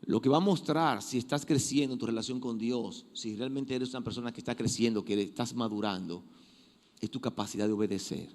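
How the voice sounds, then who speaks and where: A man preaching a sermon, emphatic and given to repeating phrases, shifting from loud exhortation to quiet prayer. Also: mid-range voice, brisk, few pauses. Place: church. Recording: long reverb of a church hall.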